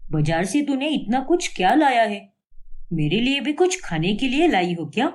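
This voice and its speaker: A whiny, greedy old father-in-law in a cartoon story, voiced by a woman. His griping voice swings widely in pitch and sits a little high for a man. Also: big pitch swings, moderate pace, a little mellow. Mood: complaining.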